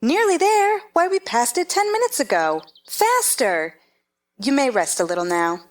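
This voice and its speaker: A woman's voice: sits high, big pitch swings, unhurried. A woman playing a haughty, bossy chess-piece queen who gives imperious, scolding orders in a theatrical stage-play reading. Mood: urgent, commanding. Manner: imperious, clipped commands, scolding.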